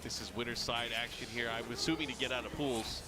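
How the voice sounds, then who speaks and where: A man calling a fighting game tournament match live, trading quick overlapping lines with a co-commentator like duelling announcers. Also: medium pitch, fairly even intonation, very noisy. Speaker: esports commentator. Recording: loud music behind the voice. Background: loud music.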